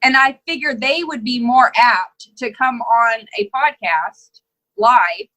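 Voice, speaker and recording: A woman co-hosting a casual podcast chat, animated and laughing often as she builds theories. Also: a little high, slow, poor audio. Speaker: podcast co-host.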